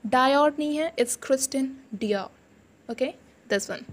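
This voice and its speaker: A woman's voice: high voice, extremely slow. A young woman hosting a casual pronunciation lesson, repeating words and correcting mistakes. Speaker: host teaching brand pronunciations. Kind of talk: casual lesson in mixed Hindi and English.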